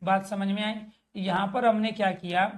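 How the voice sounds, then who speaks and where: A man's voice: high-pitched, fairly even intonation, normal speed. A man teaching a Hindi grammar lesson in an online class. He keeps asking his students questions and answering them himself, and calls his viewers dear friends.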